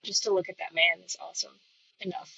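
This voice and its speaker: Breathy bright-voiced woman podcast guest. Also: on the low side, steady tone, quick pace, no echo, highs cut off. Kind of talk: casual chat.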